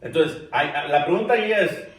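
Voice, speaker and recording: A man's voice: a little high, expressive, moderate pace. Man teaching a bible class in an echoey church. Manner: addresses listeners as brothers, asks questions of the class. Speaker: preacher. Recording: distant mic in echoey church room.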